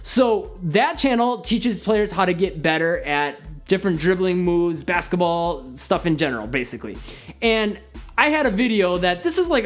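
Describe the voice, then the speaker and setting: A young man hosting a casual video on growing a channel, talking straight to camera and swinging between upbeat and deliberately flat delivery. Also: sits high. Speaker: YouTube marketing host. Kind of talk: casual to-camera advice talk.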